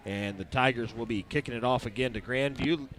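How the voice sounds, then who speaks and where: A male announcer gives brisk play-by-play of a high school football game at an outdoor venue, mixing sponsor reads into his calls. The audio is a bit bright with slight background noise.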